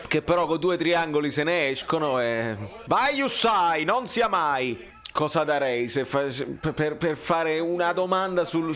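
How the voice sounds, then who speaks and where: High-pitched Neapolitan man talking street slang. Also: bright, forceful tone. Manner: colloquial Neapolitan street slang, theatrical complaining. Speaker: football fan reacting to a match. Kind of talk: excitable live match reaction, casual commentary.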